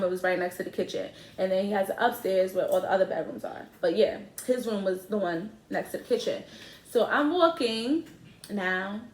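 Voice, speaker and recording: A young woman, casually and animatedly telling a story to her viewers, laughing and using slang. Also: mid-range voice. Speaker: vlogger, co-host with partner. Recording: echoey room.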